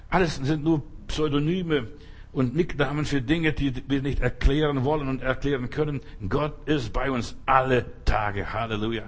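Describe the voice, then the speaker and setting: A man's voice: mid-range voice, breathy edge. A man preaching a fervent sermon, repeating his points and calling out Hallelujah.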